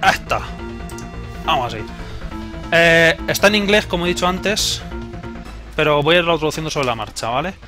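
A man's voice: a little high, lively intonation, moderate pace, long pauses. A young man with a Spain Spanish accent commenting live on a video game he plays, casual and joking, swearing freely. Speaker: gamer. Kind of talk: live let's play commentary. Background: video game music.

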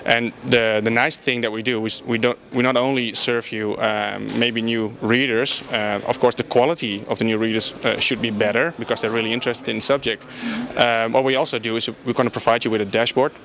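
A man's voice: medium pitch, fairly even intonation, a little fast, few pauses, a bit bright. A young Dutch man, a startup founder, answering interview questions in English with many filler sounds and restarts, in a large conference hall on a handheld mic. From Netherlands. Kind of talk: conversational interview.

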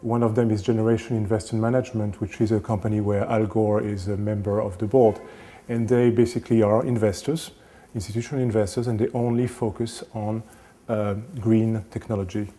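Low mellow-voiced man giving a lecture. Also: level tone. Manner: halting, many fillers and restarts. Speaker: renovation specialist. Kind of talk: casual lecture to camera. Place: small indoor studio set. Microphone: lapel.

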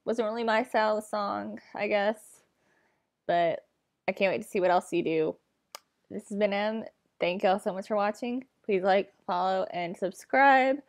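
A woman's voice: medium pitch, moderate pace. A young woman talking casually to her webcam in a small bedroom, reacting to a song with hesitant, rambling remarks and sighs. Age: young adult. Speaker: reaction vlogger. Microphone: laptop webcam mic.

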